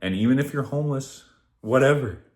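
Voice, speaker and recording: Speaking fairly quickly in a medium-pitched, somewhat dark voice, a male vlogger in his thirties delivers a loose, rambling motivational talk to camera. He's profane throughout and keeps brushing things aside with a repeated "whatever."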